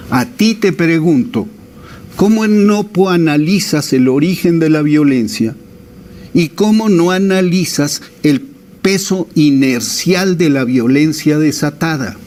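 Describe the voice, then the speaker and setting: A man's voice: fairly high pitch, lively intonation, a little slow, darkish tone. A man, a producer in a heated debate, firing off confrontational rhetorical questions. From Mexico.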